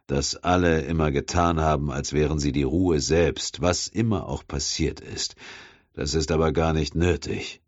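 A man voicing a calm, coldly polite male villain in an audiobook, speaking slowly and measured. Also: rumbling low, no room sound, dull audio. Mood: coolly menacing.

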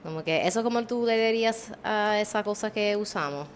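A woman's voice: medium pitch, a little fast, a little hiss or hum. A woman from Maryland hosting a podcast, chatting casually in a bilingual mix with English words dropped into her Spanish. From Maryland, USA. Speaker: podcast host.

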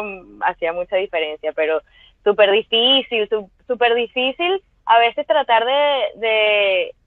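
A woman's voice: a little high, no echo. Woman, voice actress, chatty with fillers, casual interview, phone-like sound, dry. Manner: chatty, many fillers and restarts. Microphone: video call. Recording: tinny phone-like line, dry.

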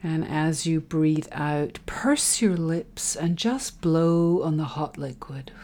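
Female meditation guide, soft and soothing, deep-toned and very slow, for a relaxation breathing exercise. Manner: soft, soothing, unhurried delivery with breathy phrase endings.

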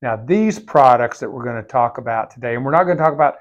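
An older man co-hosting a finance podcast in casual conversation, speaking haltingly and repeating words. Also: mid-range voice, muffled recording. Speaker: podcast co-host and veteran financial advisor.

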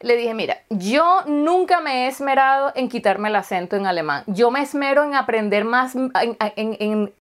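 Chatty Venezuelan woman, higher voice. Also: lively intonation, normal speed, few pauses. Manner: chatty storyteller, acts out dialogue. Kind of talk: casual chat.

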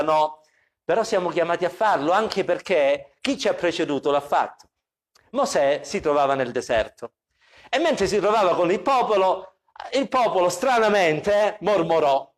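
A man preaching an evening sermon as pastor, with expressive delivery that repeats questions for emphasis. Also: on the high side.

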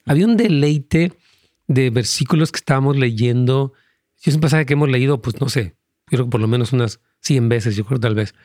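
A man's voice: medium pitch, fairly quick, a little mellow, no echo, clean studio sound. A man, a pastor, earnestly answering callers' Bible questions, rambling with many fillers.

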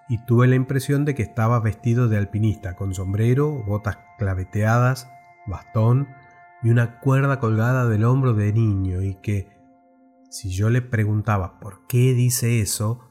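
A man narrating a story aloud in a measured, expressive reading. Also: medium pitch.

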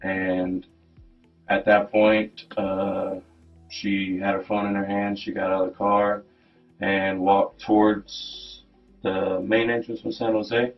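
Low flat-voiced man, hesitant. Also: slow, faint music behind. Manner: hesitant, full of ums and "you know". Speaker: interviewee in a police interview. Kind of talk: recounting events in a recorded police interview. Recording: dull lo-fi interview recording.

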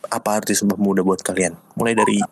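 A young man with a Jakarta Indonesian accent hosting a casual podcast in hushed late-night talk. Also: fairly low pitch, flat delivery, quick pace, no echo. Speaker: podcast host.

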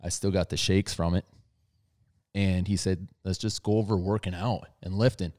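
A man's voice: low voice, fairly even intonation, normal speed, a little mellow. A man in his thirties hosting a podcast, chatting casually in a laid-back, rambling way. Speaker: podcast host. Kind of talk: casual chat.

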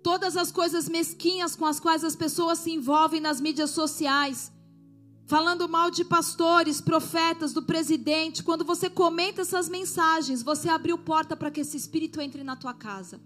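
A woman's voice: very high-pitched, fairly even intonation, moderate pace, a bit bright, soft background music. A woman pastor preaching a sermon to a congregation, exhorting them and asking for their response.

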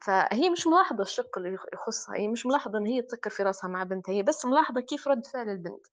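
A woman with a Libyan Arabic accent, a psychologist guest explaining with frequent filler pauses in a panel discussion. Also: on the high side, lively intonation, dry recording.

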